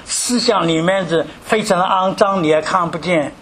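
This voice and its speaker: Older male preacher from mainland China, high voice, asks rhetorical questions, animated delivery. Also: normal speed, slight background noise. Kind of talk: sermon with personal story.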